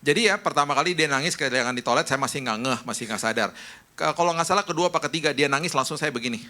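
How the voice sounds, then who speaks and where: A man's voice: on the high side, very fast, sharp tone. A middle-aged male pastor preaching a sermon, telling stories and acting out the voices of friends and family.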